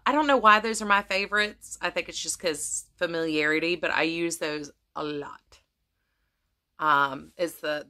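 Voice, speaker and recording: Her voice sits low, with a bright, forceful tone, as she chats casually to her viewers. She's an American crafting vlogger who rambles through her crafts with many restarts while her voice gives out.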